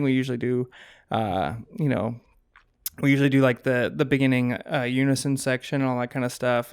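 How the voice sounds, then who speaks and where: A man with a clean, mid-range voice co-hosts a podcast, chatting casually about teaching choir. He talks loosely, with lots of fillers and laughs.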